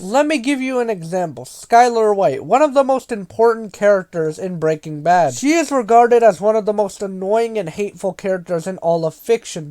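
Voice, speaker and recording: A man with a high-pitched voice delivers casual video commentary. He reads out viewer comments and rebuts them in a sarcastic, exasperated manner, talking straight to his audience. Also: darkish tone. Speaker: video creator reading and answering viewer comments.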